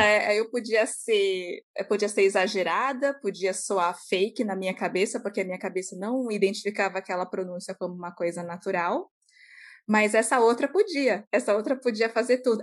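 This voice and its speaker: A woman's voice: medium pitch, brisk. A woman co-hosting a podcast in casual chat, telling stories animatedly and laughing often.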